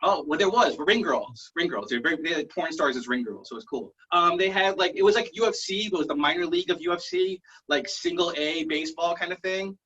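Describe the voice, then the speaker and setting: A man doing a halting, rambling stand-up set over a video call, full of fillers. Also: on the high side, expressive, sharp tone, slightly rough, muffled recording. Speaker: stand-up comedian.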